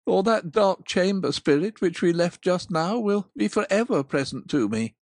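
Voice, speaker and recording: A woman's voice: fairly low pitch, lively intonation, moderate pace, darkish tone, no room sound, clean studio sound. A woman voicing an anxious old man, a miser, pleading earnestly in an audiobook. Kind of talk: dramatised audiobook character voice.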